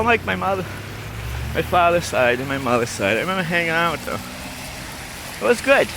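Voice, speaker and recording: Brief: a bright, high-pitched guy vlogging on his phone outdoors, with faint traffic behind him. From Massachusetts. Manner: rambling, repetitive, affectionate storytelling. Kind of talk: rambling personal vlog. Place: outdoors on a city street.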